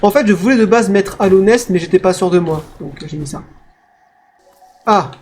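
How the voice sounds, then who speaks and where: A man giving let's play commentary, excitable, yelping and talking back to the game as he plays. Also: high voice, moderate pace, a little hiss or hum. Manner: excitable, yelps and talks to the game. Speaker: gaming streamer.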